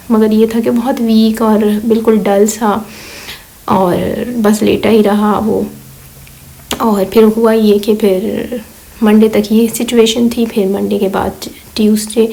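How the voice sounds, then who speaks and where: A woman in her thirties from Pakistan, talking slowly through a casual vlog voice-over while hoarse and weak from illness, with many fillers. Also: mid-range voice, dark tone, low-quality recording. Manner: slow, rambling, many fillers. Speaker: vlogger.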